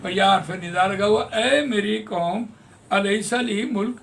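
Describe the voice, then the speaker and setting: A man teaching Quran translation in a classroom lesson, patiently explaining grammar and repeating words slowly. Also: high-pitched, vocal fry, a bit bright.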